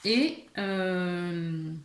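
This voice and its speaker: A woman's voice: on the low side, very slow, echoey room, slight background noise. A woman giving a casual tarot reading to her viewers, chatty, with many fillers, restarts and small laughs. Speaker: tarot card reader.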